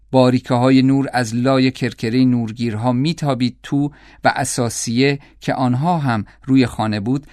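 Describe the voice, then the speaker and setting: In scripted audiobook narration, a medium-pitched man tells the story calmly and at a measured pace. The studio recording is clean, without any room sound.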